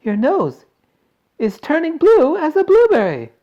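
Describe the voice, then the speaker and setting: A performer voicing a fussy, panicky mother in a storybook, with shrill screeching exclamations. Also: huge pitch swings, unhurried, vocal fry, lo-fi sound, full character voice. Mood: horrified shrieking.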